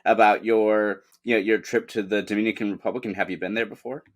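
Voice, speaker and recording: A young male podcast host speaks at a fairly low pitch over a video call. He asks his questions in a friendly, meandering way, often trailing off and padding with fillers. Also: steady tone, fast. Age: young adult. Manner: friendly, hesitant, lots of "you know". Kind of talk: casual interview.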